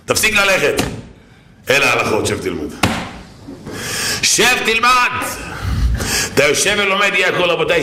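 Animated man preaching in an echoey room. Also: high voice, a little hiss or hum. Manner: acts out characters in shifting voices, exclamatory. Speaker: rabbi giving a Torah talk. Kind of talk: animated storytelling sermon.

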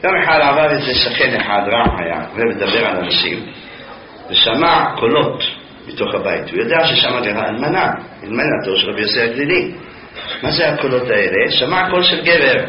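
A man's voice: mid-range voice, slight background noise. Man telling stories in a roomy hall. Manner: animated storyteller with dry asides. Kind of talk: storytelling lesson. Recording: roomy, somewhat dull recording.

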